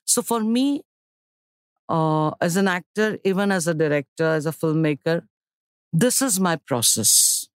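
A woman with an Indian accent answering reflectively in an interview, explaining in short phrases with pauses and repetitions and switching between Hindi and English. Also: on the low side, expressive, smooth, no room sound, studio quality. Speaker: interview guest, stage and screen actor-director.

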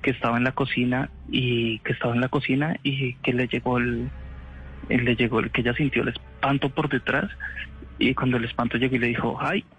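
A man's voice: mid-range voice, level tone, fairly quick, fairly bright tone, slightly rough, soft background music, low-quality recording. A man casually telling a story in an interview, rambling with restarts and slangy asides.

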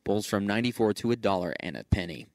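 A man's voice: on the low side, animated, fast talker, loud music behind the voice. An American man reads a scripted radio farm report with news and market prices as a broadcast reporter. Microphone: close studio broadcast microphone.

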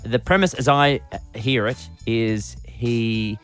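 A man's voice: medium pitch, slow pace, soft background music. An Australian man co-hosting a radio show, telling stories in a playful, theatrical way over casual banter. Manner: playful storyteller, animated and theatrical. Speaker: radio co-host.

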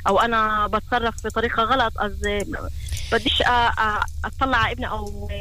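A woman's voice: on the high side, little pitch movement, brisk, sharp tone, slight background noise, low-quality recording. A woman with a Palestinian Arabic accent, a family therapist giving advice as a guest in a radio interview.

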